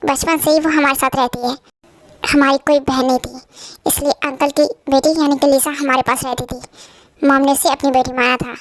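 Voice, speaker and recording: A woman voicing a calm young husband and protective older brother in an amateur fan dub, speaking patiently. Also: high voice, moderate pace, no room sound, close to an everyday voice. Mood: explaining.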